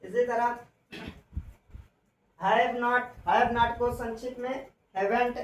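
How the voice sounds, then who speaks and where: A woman English teacher giving a classroom lesson on contractions, spelling out letters slowly and repeating herself. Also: a little high, steady tone, recorded from a distance. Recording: echoey room, voice from off-mic, faint noise.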